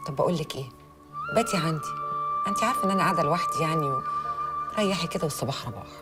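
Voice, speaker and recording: An actress playing a single female friend with an Egyptian accent, coaxing and calming a crying woman. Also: deep voice, very fast, over loud music. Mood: soothing. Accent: Egyptian Arabic. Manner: coaxing, soothing.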